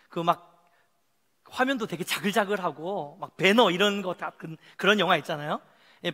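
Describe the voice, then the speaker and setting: A man with a high, light voice preaches a youth sermon in a church sanctuary, and his words ring out with a long echo through the hall. He tells the story with animation, slips into little acted scenes, and keeps turning to ask his listeners questions. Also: fairly bright tone. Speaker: pastor.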